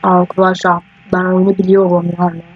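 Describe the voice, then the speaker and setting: A man doing casual let's-play commentary, rambling and excitable, often swearing at the game. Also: high voice, fairly quick. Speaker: gaming YouTuber. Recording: dull lo-fi mic with faint hiss.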